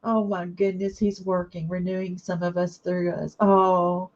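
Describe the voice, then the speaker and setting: A woman's voice: on the low side, little pitch movement, unhurried, dull audio. Teary woman chatting on a craft livestream. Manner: warm, emotional, reads viewer comments aloud and answers them. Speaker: craft live-stream host. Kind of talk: casual live-stream chat with viewers.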